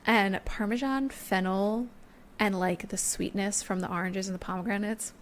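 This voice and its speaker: A woman's voice: medium pitch, fairly even intonation, normal speed, slight background noise. A woman in her thirties co-hosting a podcast, bubbly and enthusiastic in casual chat. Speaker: podcast co-host.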